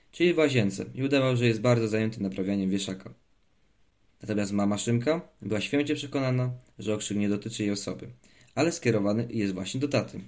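A man narrating a children's audiobook in a calm, measured reading. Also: mid-range voice. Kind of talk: scripted narration of a children's story.

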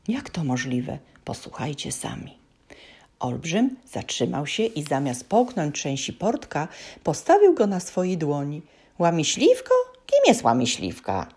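A woman reading a children's story aloud in a lively, playful, expressive way. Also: sits low, breathy edge.

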